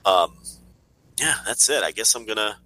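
A tired man with a worn, hoarse voice in casual podcast banter, foul-mouthed and griping, repeating phrases for emphasis. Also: fairly low pitch, lively intonation, moderate pace, bright, forceful tone, poor audio. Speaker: podcast co-host.

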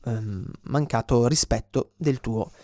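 A man's voice: medium pitch, slow, mellow. A man teaching a self-defense lesson in an earnest explanatory way, often restarting and checking in with "ok?". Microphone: close mic.

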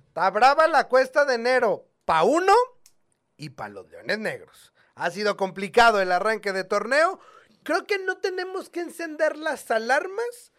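Mexican dude hosting a sports radio show, chatty, high voice that swings up and down a lot. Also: male voice, fairly bright tone. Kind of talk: conversational show opening monologue.

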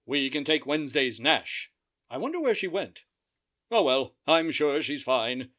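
A man's voice: fairly high pitch, sing-song, measured pace, fairly bright tone. A man playing a cocky bumbling masked hero. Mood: wry. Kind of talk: comic old-time radio play acting.

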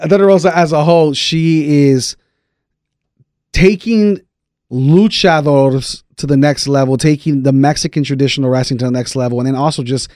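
Higher-voiced man co-hosting a podcast. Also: moderate pace, darkish tone, dry recording, clean studio sound. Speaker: podcast co-host. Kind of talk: casual wrestling talk.

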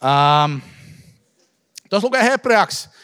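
A man giving a lively sermon to a congregation in a church hall, talking to them directly. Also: high voice, smooth. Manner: lively, fillers and restarts, addresses congregation directly. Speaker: preacher. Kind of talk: live sermon teaching.

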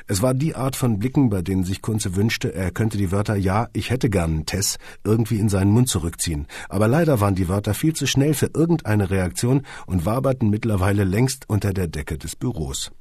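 A man narrating an audiobook with dry humour, now and then turning to address the listener. His voice is low and husky, with a lively, varied melody. The recording is close and dry. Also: brisk, few pauses, dry recording. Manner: wry, dry humour, speaks to the listener directly.

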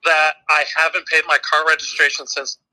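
A man's voice: a little high, flat delivery, a little fast, bright, forceful tone, rough recording. A man calling in over a phone on speakerphone, chatting casually and telling a rambling story with frequent laughs. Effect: heard over a phone on speakerphone. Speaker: caller, friend of the hosts. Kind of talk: casual chat.

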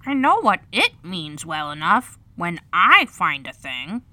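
A woman's voice: lowish voice, huge pitch swings, slow, pushed and bright, dry recording, pitched above the performer's own voice, exaggerated voice. A woman voicing a blunt, literal-minded duck with a matter-of-fact way of talking.

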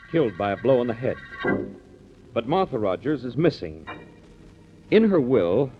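A man narrating as announcer of a 1940s radio drama, recapping the story in a measured, expressive way, heard as an old radio broadcast. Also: mid-range voice. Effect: old radio broadcast sound. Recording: muffled old radio recording, faint music.

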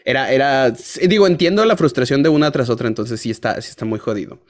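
A man's voice: medium pitch, quick pace. Joking male podcast host. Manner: relaxed, joking, laughs along. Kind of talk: casual interview.

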